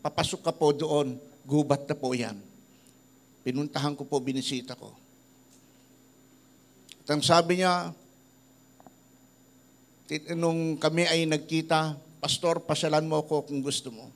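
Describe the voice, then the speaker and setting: A man's voice: a little high, a little slow, pauses often. A middle-aged man from the Philippines, a pastor preaching a sermon and telling stories about people he has met, acting out their words. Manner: tells stories in a lively voice, quoting people he met. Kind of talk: sermon with storytelling.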